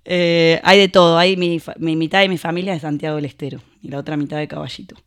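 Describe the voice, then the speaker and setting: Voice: medium pitch, fairly even intonation, quick pace, a bit bright, clear, resonant tone, no room sound, studio quality. A host from Buenos Aires with a Rioplatense accent, running a casual chat, joking and greeting viewers. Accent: Rioplatense Spanish. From Buenos Aires, Argentina.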